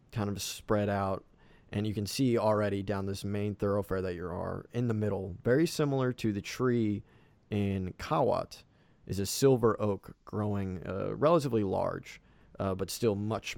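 A man's voice: on the low side, creaky, darkish tone, no echo. A man running a tabletop game as game master, narrating loosely with many fillers.

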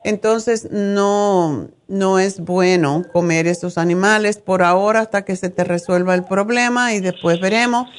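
Middle-aged female radio health host, mid-pitched, frank and opinionated, chatting familiarly with callers. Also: fairly even intonation, a little slow, few pauses. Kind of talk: conversational call-in health advice.

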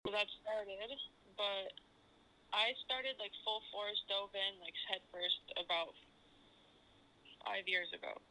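A man's voice: sits high, fairly even intonation, slow pace, long pauses, bright, forceful tone, slight background noise. A young adult man, a musician guest, talking loosely over a phone line and often saying "like". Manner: loose, rambling, leans on "like". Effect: heard over a phone line. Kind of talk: casual phone interview.

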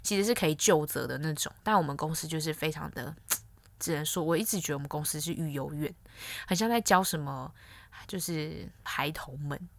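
Young woman host, candid and blunt, slightly low voice, dry booth sound. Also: fast, gravelly, no room sound. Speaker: podcast host. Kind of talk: casual solo podcast chat.

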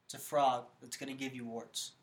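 A man's voice: medium pitch, level tone, normal speed. A young man co-hosting a podcast, blunt, crude and sarcastic in casual chat. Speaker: podcast co-host. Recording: echoey room.

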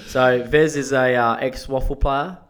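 A man speaks in a broad Australian accent at a middling pitch. He is a podcast co-host in easy, casual conversation, talking like one of the boys, with plenty of slang and swearing. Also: fairly even intonation, unhurried. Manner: laid-back, blokey, slangy and sweary. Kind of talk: casual chat.

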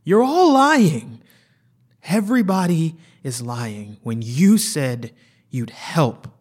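Man doing a distraught, distrustful woman. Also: takes it slowly. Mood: shrill accusing. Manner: pleading, then shrill and accusing.

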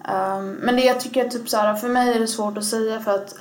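A woman's voice: a little high, fairly even intonation. A woman co-hosting a podcast in casual chat, hesitant and full of fillers and hedging. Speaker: podcast co-host.

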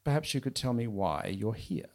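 A curt middle-aged housekeeper woman, read by a man, cool and unwelcoming at the door. The voice sits low with a gravelly fry, and she keeps every answer firm and clipped. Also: big pitch swings, moderate pace, darkish tone. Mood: guarded.

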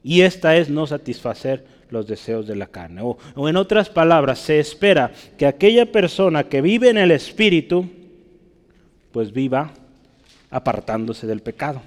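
A man's voice: a little high, lively intonation, moderate pace. A male preacher gives a teaching sermon in a slightly raised voice. He explains patiently and keeps checking that his congregation follows along. The sound carries a long reverb from the church hall.

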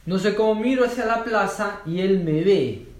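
A church cell group leader teaching a course gives a conversational Bible lesson, sharing personal stories with fillers and rhetorical questions. His voice is high-pitched at normal speed, recorded with a roomy echo.

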